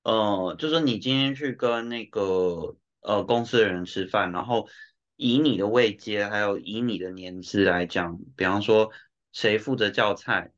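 A man's voice: on the low side, unhurried, a bit bright. A man with a Taiwanese Mandarin accent chatting casually and explaining with examples, dropping in some Japanese and English words. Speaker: podcast speaker living and working in Japan. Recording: dull, lo-fi audio.

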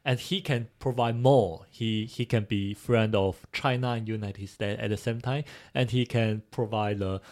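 Man speaking halting English. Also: fairly low pitch, fairly even intonation, a little mellow. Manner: halting non-native English, laughs often. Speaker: podcast co-host. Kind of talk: casual discussion.

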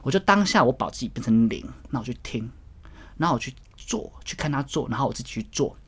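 Husky chatty man telling a gym story. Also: mid-range voice, animated, fast. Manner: chatty, rambling, demonstrates exercises while talking. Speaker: gym-goer vlogger. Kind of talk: casual storytelling.

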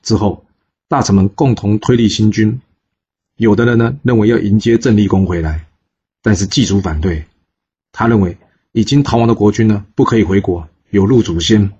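A man telling a historical story in a lively way, with asides to his listeners. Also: on the low side, normal speed, muffled recording, a little hiss or hum.

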